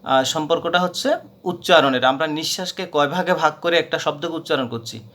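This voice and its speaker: Patient male teacher, slightly high voice. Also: a little fast, sharp tone. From Bangladesh. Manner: patient, repeats points, many hesitations. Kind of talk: classroom grammar lesson.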